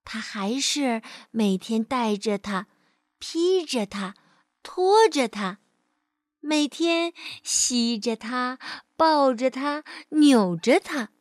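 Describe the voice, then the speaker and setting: A woman reading a bedtime storybook to children in a gentle, sing-song way. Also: sits high, animated, takes it slowly, no room sound, studio quality.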